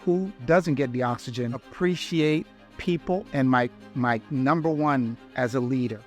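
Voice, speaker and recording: Over soft background music, a middle-aged Bahamian man who works as a healthcare executive speaks at a measured pace with medium pitch. In this interview conversation he tells stories earnestly and reflectively.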